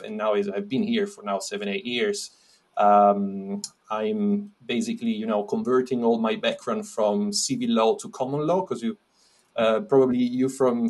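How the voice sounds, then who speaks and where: Italian-accented man, halting speech. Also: mid-range voice. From Italy. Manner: halting, with many restarts and fillers. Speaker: podcast guest. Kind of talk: casual interview chat.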